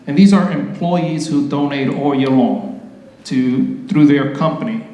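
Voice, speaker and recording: A man's voice: medium pitch, unhurried, warm tone. A man emceeing a community ceremony, reading award citations formally and adding loose, casual asides. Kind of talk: public ceremony speech. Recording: very echoey hall with long reverb.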